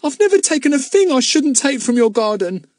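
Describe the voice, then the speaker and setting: A man voices a frightened young male gardener who stammers and pleads, raising his pitch above his natural voice to sound high and slightly mellow. His intonation stays fairly even at a measured pace, and the mood is pleading. The studio recording is clean, with no room sound.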